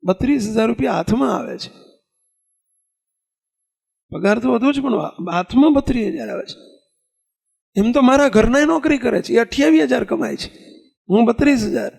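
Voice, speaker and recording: A man's voice: very high voice, normal speed, creaky, pauses often, breathy edge. A man with a Gujarati accent preaching a sermon, telling stories and putting questions to his listeners. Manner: animated storytelling, rhetorical questions to listeners.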